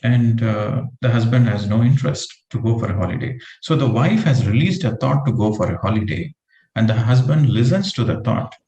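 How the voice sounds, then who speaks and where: Mellow-voiced man teaching in a roomy echo. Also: medium pitch. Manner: patient, explains with everyday examples. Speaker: spiritual teacher. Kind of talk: meditation teaching talk.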